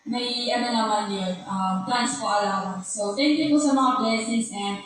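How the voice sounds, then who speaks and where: A young woman sharing a personal testimony at a church service, speaking politely and softly. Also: on the high side, moderate pace. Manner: polite, soft-spoken, honorific po. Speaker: church member giving testimony. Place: church hall. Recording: very echoey hall from far off.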